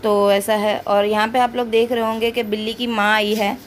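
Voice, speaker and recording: A woman's voice: on the high side, little pitch movement, normal speed, a little hiss or hum. A woman from India chatting casually to her viewers in a home vlog, talking through dental pain, recorded on a phone camera indoors. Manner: chatty, addresses viewers directly. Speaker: vlogger.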